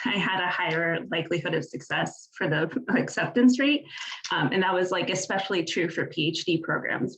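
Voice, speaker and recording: A woman's voice: fairly low pitch, gravelly, low-quality recording. A woman answering as a graduate student panelist, talking in a chatty way with many fillers.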